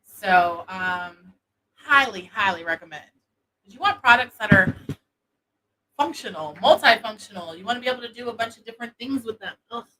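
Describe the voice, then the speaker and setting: A woman hosting a casual product demo, talking in a soft, sultry voice with many fillers. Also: mid-range voice, animated, normal speed, slight background noise, rough recording. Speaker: host of an intimacy product show.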